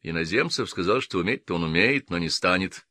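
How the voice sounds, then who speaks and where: A man reading a novel aloud in a measured storytelling style. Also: deep voice, expressive, pushed and bright, no echo. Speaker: narrator. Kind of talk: audiobook narration.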